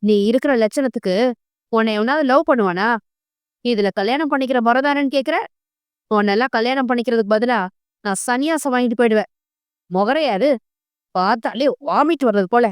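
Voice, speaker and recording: A woman voicing an angry, scornful young man who scolds harshly and quickly. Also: a little high, expressive, clean tone, dry recording, clean studio sound, lightly acted.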